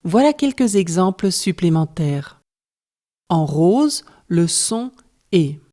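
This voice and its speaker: A woman's voice: fairly low pitch, very animated, takes it slowly, warm tone. A woman narrating a scripted lesson as a French teacher, explaining step by step in a careful manner.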